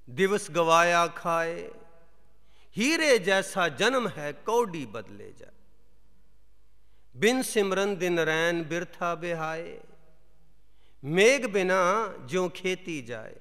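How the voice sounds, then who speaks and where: Slow, bright-voiced male preacher in a hall. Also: high-pitched, clean tone. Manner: slow chanting recitation of verses between plain explanation. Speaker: Sikh preacher. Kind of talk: sermon reciting scripture verses. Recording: long hall reverb.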